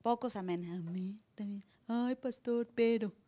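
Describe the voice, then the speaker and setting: A woman pastor preaching a sermon live in church, acting out voices with sudden loud cries. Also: on the high side, unhurried.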